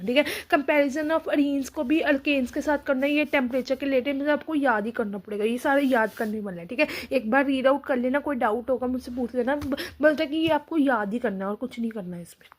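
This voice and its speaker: A woman tutor giving a casual online chemistry lesson, reading lines slowly and repeating each step. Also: sits high. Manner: reads textbook lines slowly, repeats steps, many fillers.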